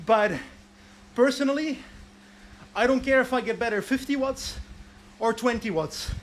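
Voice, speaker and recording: A chatty, high-voiced man from Belgium hosts a casual livestream while riding an indoor bike trainer in a warm room with a fan. He answers viewers' questions from the chat and laughs at himself. There's slight background noise.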